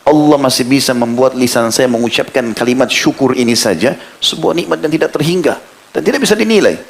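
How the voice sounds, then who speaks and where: A man voicing a blind, maimed, deeply pious old man who speaks calmly and gratefully, in a sermon story. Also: fast talker, creaky.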